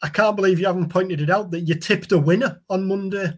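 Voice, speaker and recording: A male pundit offers casual football analysis. His voice is husky and somewhat high for a man. He often doubles back on words as he works out his point. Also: steady tone, quick pace. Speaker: sports podcast pundit.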